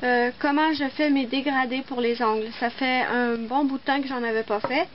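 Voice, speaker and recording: High-voiced woman demonstrating nail art. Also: fairly even intonation, moderate pace, dull audio, noisy background. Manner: chatty, explains while working. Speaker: nail art tutorial host. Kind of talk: casual step-by-step tutorial.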